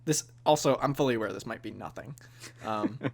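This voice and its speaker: A man's voice: fairly low pitch, fairly quick, gravelly. A man co-hosting a podcast in casual chat, playful and wry, laughing often. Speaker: podcast co-host.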